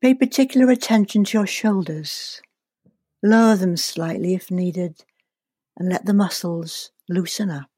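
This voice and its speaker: A woman leading a guided relaxation and visualization in a calm, soothing, deliberate way, leaving long pauses. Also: lowish voice, breathy edge, dry recording, studio quality. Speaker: guest leading a guided meditation.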